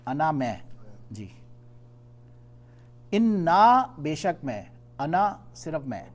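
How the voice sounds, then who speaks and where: A man teaching a Quran study class, explaining patiently and reciting verses slowly. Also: mid-range voice, expressive, darkish tone, husky.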